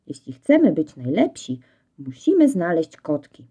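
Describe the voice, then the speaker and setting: A woman's voice: low-pitched, sing-song, dark tone, breathy edge, heavily acted. A woman doing a haughty male farm dog. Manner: superior, lofty and slow.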